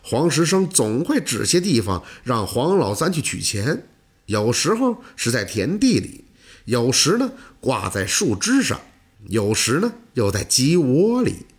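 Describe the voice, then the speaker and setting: A man's voice: medium pitch, very animated, a little slow, husky. A man narrating a folk tale in a dramatic storytelling manner.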